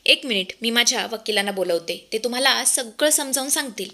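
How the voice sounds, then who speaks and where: Arrogant young wife voiced by a woman, haughty, rude, high, bright voice. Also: lively intonation, a little fast. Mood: defiant.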